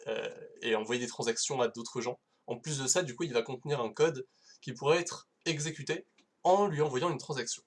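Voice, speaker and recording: A man giving a casual live-streamed technical talk, hesitant, with many fillers and restarts. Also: mid-range voice. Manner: casual, self-deprecating. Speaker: conference speaker.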